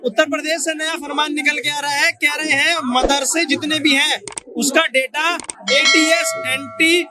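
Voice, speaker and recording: A man's voice: very high voice, fairly even intonation, measured pace, very noisy. A man reporting on the street, firing pushy, challenging questions at passers-by. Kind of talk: street interview. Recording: loud crowd around.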